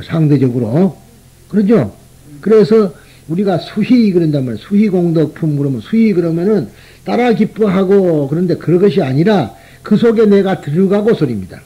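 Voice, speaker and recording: A Buddhist monk from Korea's Gyeongsang region gives a sermon in a conversational way, often throwing rhetorical questions at his listeners. His voice is high-pitched, husky and dark in tone, and the recording is rough.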